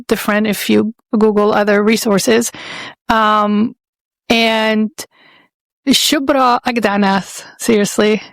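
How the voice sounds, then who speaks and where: A Saudi woman in her fifties hosts a podcast, speaking earnestly and reflectively in a mid-range voice. She often restarts her phrases while searching for the right words, and the recording has no room sound.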